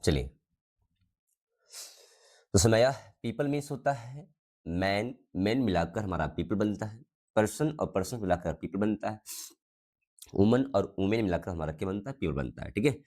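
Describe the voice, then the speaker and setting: Lowish-voiced male teacher, repeating questions. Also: expressive, a little mellow. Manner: repeats questions to the class, drawn-out tag questions. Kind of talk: classroom grammar lesson.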